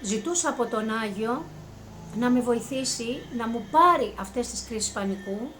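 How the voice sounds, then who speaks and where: Earnest high-voiced woman telling her story. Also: slight background noise. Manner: earnest, rising to high-pitched excitement when reliving events. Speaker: vlogger recounting a personal experience. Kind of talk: emotional personal testimony.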